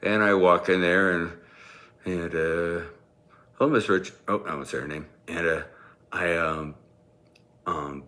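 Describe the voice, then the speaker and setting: A man with a very deep voice that still carries a bright, forceful edge tells a personal story from his years as a teacher. He talks casually and rambles, chuckling to himself as he goes. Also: fairly even intonation, slow, long pauses. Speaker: former teacher.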